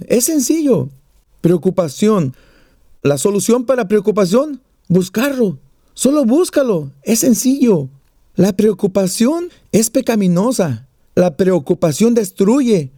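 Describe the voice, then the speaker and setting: Guy preaching, high voice, jokes around, dry close sound. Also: mellow, no room sound. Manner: joking storyteller, plays out little voices. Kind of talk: sermon.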